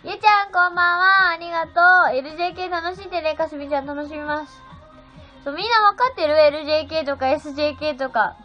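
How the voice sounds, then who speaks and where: High-pitched and sharp, with fairly even intonation, this teenage girl of seventeen chats quickly during a casual phone livestream. She bubbles along reading comments and thanking each viewer, over slightly dull audio with faint background music.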